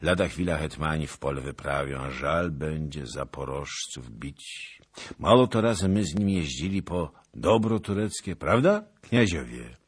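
Man playing a husky, brooding young Cossack chief, slow and grim; audiobook figure. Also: very deep voice, lively intonation, full character voice. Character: fierce young male Cossack leader, brooding.

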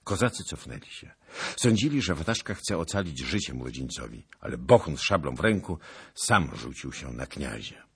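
A male audiobook narrator with a very deep, husky, breathy voice. His pitch moves in a lively way as he tells the story. The telling is solemn and dramatic. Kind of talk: scripted narration of a historical novel.

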